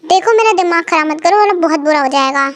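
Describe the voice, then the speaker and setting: A woman's voice: very high voice, quick pace. A woman voicing a feisty young female waiter who talks back sharply and defiantly.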